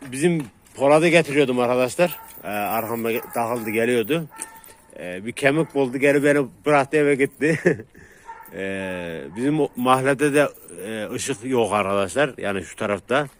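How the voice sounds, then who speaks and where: Man vlogging on a night dog walk. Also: medium pitch. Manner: hesitant with many drawn-out fillers, soothing dogs in repeated calls. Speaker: vlogger walking street dogs. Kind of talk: casual vlog talk to viewers. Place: outdoors at night in a dark neighborhood street.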